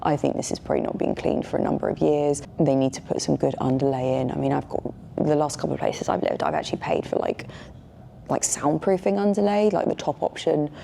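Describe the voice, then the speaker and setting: A woman, casually reviewing a hotel stay in a chatty, candid vlog from her hotel room. She often slips into soft, near-whispered asides. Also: deep voice, steady tone, brisk, gravelly, a little hiss or hum. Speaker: hotel and food reviewer, channel host. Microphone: small wireless clip-on mic.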